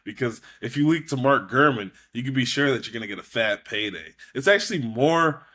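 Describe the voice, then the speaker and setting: A man's voice: mid-range voice, lively intonation, fairly quick, bright, forceful tone. A young man co-hosting a tech podcast, talking in a laid-back, wry, joking way. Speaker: podcast co-host. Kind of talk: casual tech podcast chat.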